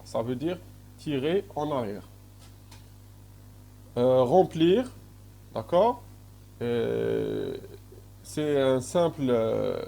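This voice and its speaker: This recorded university lecture comes from a man whose mid-range voice is dark and marked by vocal fry, with an Algerian French accent. His delivery is slow and full of hesitations, and he frequently pauses to ask his students "d'accord?"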